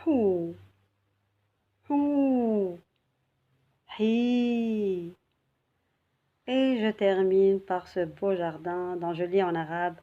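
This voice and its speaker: Woman, teacher, beginner lesson. Slow, patient, repeats words clearly. Slightly muffled recording. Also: on the low side, steady tone, dark tone. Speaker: Arabic teacher.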